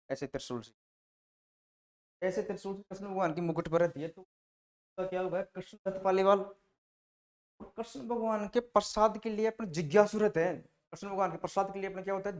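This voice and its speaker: A male teacher giving an exam-prep lesson, repeating names and quizzing the class with memory tricks. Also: high-pitched. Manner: drills mnemonics with repeated questions and answers, shifting loudness.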